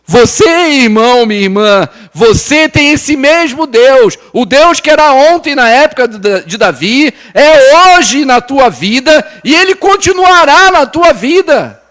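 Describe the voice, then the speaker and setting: A male pastor with a São Paulo Brazilian accent preaching a sermon. He restarts and repeats words, keeps asking the congregation "né?", and moves between urgent raised lines and soft low ones. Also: expressive, unhurried, few pauses. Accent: Brazilian Portuguese, São Paulo.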